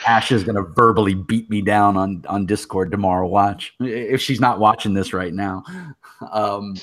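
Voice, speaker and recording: A man's voice: fairly low pitch, fairly even intonation, normal speed, a bit bright. A man, hosting a casual interview and teasing his guests with jokes and laughs. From Texas. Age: 50s. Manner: joking, teasing, laughs often. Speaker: host.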